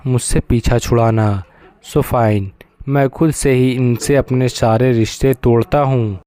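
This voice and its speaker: Bitter, accusing young son in a storybook, read by a man with a warm, dry voice. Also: medium pitch, dry recording, lightly acted. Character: hurt, angry young man breaking with his father.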